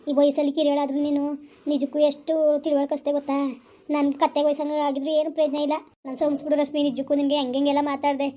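Woman playing a young village mother, pleading, high voice, quick talk. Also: flat delivery, dark tone, close to an everyday voice. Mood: remorseful. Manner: pleading, self-reproaching. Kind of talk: village family skit acting.

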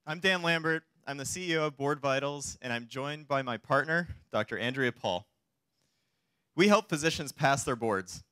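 Male, thirties, confident startup pitch, polished stage delivery, mid-pitched and crisp-edged bright tone. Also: normal speed, dry recording, soft background music. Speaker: startup chief executive pitching investors. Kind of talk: rehearsed investor pitch. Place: theater stage, indoors.

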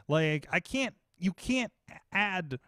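A man in his forties hosts a podcast, rambling in a lively, self-mocking way through a casual chat. His voice is high and unhurried, captured dry on a boom-arm studio mic in a foam-paneled room while he wears headphones.

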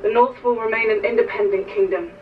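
A woman's voice: fairly high pitch, fast talker, soft background music, natural voice. Distant, tinny resolute young noblewoman played by a woman. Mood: firm. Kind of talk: scripted TV fantasy drama acting. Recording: distant, thin television speaker sound.

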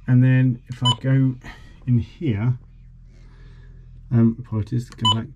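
A man in his forties vlogs an informal boat radio demo, hesitating a little as he explains. He takes it slowly in a level, mid-range voice, and the audio is dull, with clear background noise.

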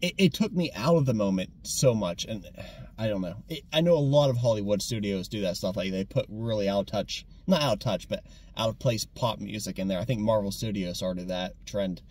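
Husky, mellow-voiced young man reviewing films. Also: lowish voice, fairly quick. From United States. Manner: animated, self-correcting, repeats words when excited. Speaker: movie reviewer. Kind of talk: casual conversational film review.

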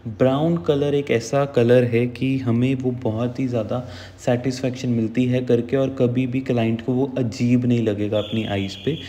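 Chatty male makeup tutor, mellow tone. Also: mid-range voice, fairly even intonation, normal speed, big-room sound. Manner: chatty, instructive, mixes English words in. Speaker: makeup artist.

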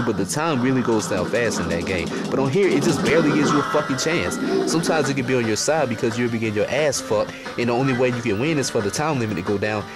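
A young American man giving an exasperated, profane, comedic rant as a video game reviewer. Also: lowish voice. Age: young adult. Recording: loud music under voice. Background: loud music.

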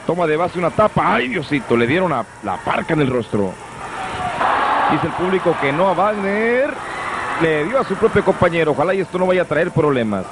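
A man's voice: a little high, big pitch swings, a little fast. A man with a Mexican accent gives exclamatory, colloquial play-by-play as a lucha libre wrestling commentator. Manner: exclamatory, colloquial, repeats phrases. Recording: noisy old VHS broadcast of arena event. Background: noisy wrestling arena.

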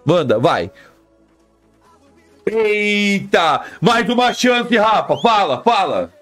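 A man's voice: high voice, very animated, unhurried, a bit bright, faint music behind. A man live streaming, chatting casually and repetitively with his viewers in slang. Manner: slangy, repetitive, talks straight to chat.

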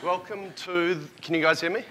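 A man's voice: high-pitched, fairly even intonation, moderate pace, fairly bright tone, some chatter behind. A man in his thirties with a New Zealand accent, giving a conference keynote as a company chief. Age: 30s. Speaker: company CEO, conference speaker. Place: hotel conference hall, on stage before an audience. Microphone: lapel or headset mic.

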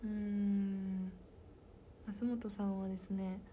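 A young woman, a member of an idol group, chatting casually with fans and answering their questions, soft-spoken and slipping into whispered asides. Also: mid-range voice, little pitch movement, slow, a little hiss or hum.

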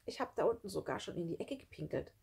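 A woman's voice: on the high side, lively intonation, moderate pace, darkish tone, breathy edge, pitched above the performer's own voice. A woman voicing a cocky know-it-all boy who lectures the other children in a casual, self-assured way.

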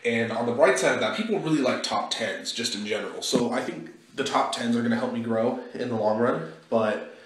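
A young man's mid-range voice, a little fast, comes through a phone held at arm's length as he vlogs casually to camera. He's standing in a small, echoey indoor walkway of a house he's moving into.

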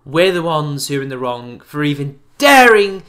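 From a small, brightly lit room, a young YouTube commentator in his twenties records a webcam response video full of sarcastic, exasperated rants. His voice runs on the high side, with a sing-song lilt, a fairly bright tone and a moderate pace.

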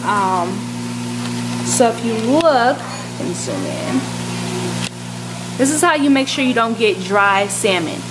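A young woman vlogger in her twenties chats through a cooking video in her home kitchen, describing each step to a close-up handheld camera. Her slightly high voice is sing-song and slow, with frequent pauses, against a noisy background.

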